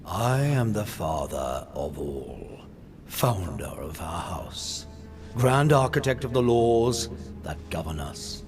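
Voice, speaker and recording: An ancient, proud and menacing father of a demonic house, speaking slowly and grandly. His pitch swoops widely as he talks down to others, with soft game music in the background. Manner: grand, condescending, slow and deliberate. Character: ancient imperious male patriarch of a demonic family, proud and menacing. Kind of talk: video game voice acting.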